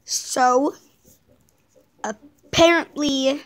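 A woman's voice: high-pitched, steady tone, drawn-out words. A woman vlogger chatting casually and ramblingly to her viewers. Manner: rambling and chatty, laughs easily. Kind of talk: casual vlog chat to viewers.

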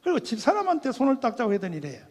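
An older man giving a testimony sermon as a pastor, telling his story in an animated way, acting out quoted voices and laughing often. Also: very high-pitched, rapid-fire. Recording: long hall reverb.

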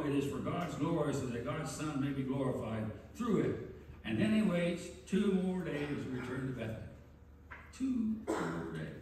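A man preaching a sermon as pastor, earnest and measured, with emphatic pauses. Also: on the high side, slight background noise. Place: large church sanctuary. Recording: very echoey church from far off.

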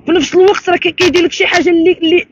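Woman, Moroccan accent, very high voice, rapid speech, angry crying, pleading, insistent repetition. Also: steady tone, lo-fi sound, noisy background. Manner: pleading, repeats phrases insistently. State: upset, tearful, angry crying. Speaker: interviewee, mother. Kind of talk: emotional street interview testimony. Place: outdoors at night in a city park. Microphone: handheld reporter microphone.

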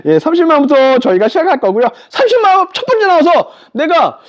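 An excitable live-stream auctioneer selling furniture, calling out bids and repeating prices. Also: sits high, quick pace. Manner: excitable, exclaiming. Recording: dull lo-fi live-stream audio.

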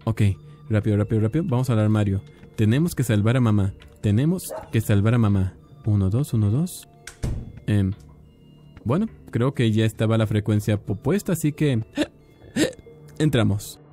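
A man casually commentating a game, chatty and excitable, talking to his viewers. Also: fairly low pitch, moderate pace. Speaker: gaming youtuber. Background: game music.

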